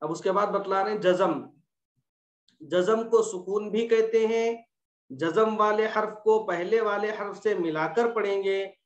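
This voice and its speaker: A man's voice: high-pitched, a little slow. Echoey patient tajweed teacher, man. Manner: patient, repeats drills and quizzes students. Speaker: Quran recitation teacher. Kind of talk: online tajweed class. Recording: echoey room, dull lo-fi sound.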